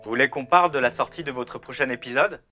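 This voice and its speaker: A man voicing a cheeky male AI assistant, speaking in a robot voice with a flat, matter-of-fact delivery. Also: medium pitch, fast talker, soft background music, pitched below the performer's own voice.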